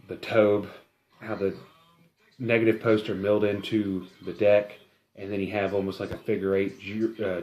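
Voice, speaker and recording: A man giving a casual, rambling product review, enthusiastic but halting and full of fillers. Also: on the low side, a little mellow.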